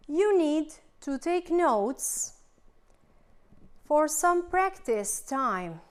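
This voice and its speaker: A woman teaching a recorded English grammar lesson with an Albanian accent, slowly explaining rules and reading out example sentences. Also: high-pitched.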